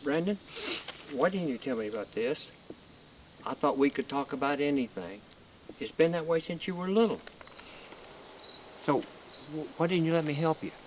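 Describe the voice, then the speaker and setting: An older man, playing a grandfather who pleads gently and slowly with his grandson. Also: on the high side, animated, close to an everyday voice, low-quality recording. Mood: tender. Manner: gentle, pleading, slow and heartfelt. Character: grieving rural grandfather comforting his grandson. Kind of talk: film drama acting. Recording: crickets and night noise outdoors.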